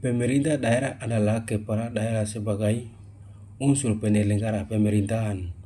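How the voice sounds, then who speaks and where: A young man, a university student, giving a steady formal reading of a regulation for a class video. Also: fairly low pitch, moderate pace, heavy background noise.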